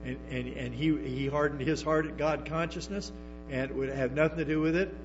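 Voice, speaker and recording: With a steady tone, a slightly high pitch and a fairly quick pace, a man preaches to his congregation as pastor. Restarts and emphatic asides mark the delivery, captured in dull lo-fi audio with hum and music behind it.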